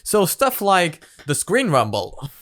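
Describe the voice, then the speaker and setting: A man chatting through a reaction video, rambling with lots of fillers. His pitch moves around in a lively way, and the recording sounds dry and close. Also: slow, dry recording. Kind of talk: casual reaction commentary.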